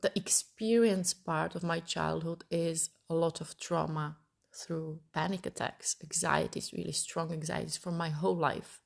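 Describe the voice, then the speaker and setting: Hosting her own podcast, a woman from Italy in her thirties gives a personal monologue, thinking out loud while reaching for words. Her gravelly voice sits low, holds a steady tone and runs a little slow.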